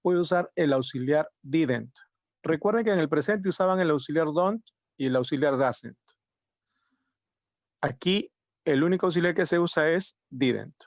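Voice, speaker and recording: Male language teacher, fairly high voice, patient step-by-step explaining, dry close recording. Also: moderate pace, pauses often, dry recording. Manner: patient, repeats key points, asks rhetorical questions. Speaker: English teacher. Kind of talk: online class explanation. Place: home, online class.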